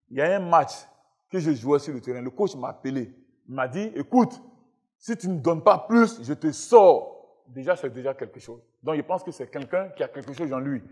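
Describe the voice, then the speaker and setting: A man's voice: medium pitch, expressive, normal speed, a little mellow, husky. A man of thirty-five from Burkina Faso, a football player and talk show guest, speaking emphatically and repeating himself to make his point. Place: television studio with live audience.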